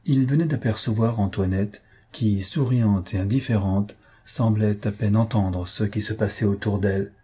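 Low, husky male audiobook narrator. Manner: measured, even narration. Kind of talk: audiobook reading of a novel.

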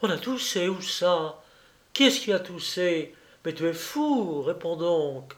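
A man putting on a shrill indignant wife. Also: a little slow, darkish tone. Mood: outraged. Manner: exclaims and repeats herself in a rising outraged voice. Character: indignant young wife, shrill and easily outraged.

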